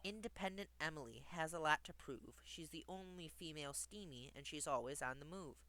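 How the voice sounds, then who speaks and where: A man's voice: on the high side, fairly quick, pushed and bright, poor audio. A man reading rhymed children's stories aloud in a sing-song, rhythmic way as a livestream host. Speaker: streamer reading bedtime stories. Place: home streaming setup.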